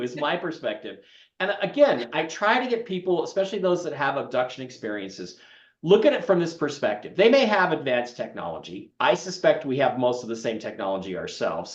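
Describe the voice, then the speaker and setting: An opinionated male host makes his points with force, his pitch swinging lively up and down. He sounds as if he is on a remote call, with a roomy echo around him. The audio is muffled and lo-fi. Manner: emphatic, opinionated, animated. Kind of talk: casual interview chat. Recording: echoey, dull lo-fi remote audio.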